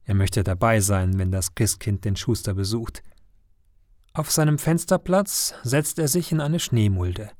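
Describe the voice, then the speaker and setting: A man's voice: lowish voice, measured pace, no room sound, clean studio sound. Man reading a children's story. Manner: gentle, storytelling. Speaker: narrator. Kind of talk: scripted narration of a children's Christmas story. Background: faint music.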